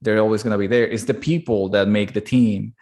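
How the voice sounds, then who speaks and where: Animated man chatting with lots of fillers. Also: lowish voice. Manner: animated, fast bursts, many fillers. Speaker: podcast co-host. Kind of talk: casual chat.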